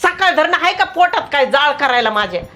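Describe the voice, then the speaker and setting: A woman's voice: high voice, lively intonation, brisk, sharp tone, slight background noise. A woman playing a nagging rural mother-in-law. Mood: scolding. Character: nagging older mother-in-law, sharp-tongued, scolding. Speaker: mother-in-law in a comedy sketch. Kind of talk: comic family sketch acting.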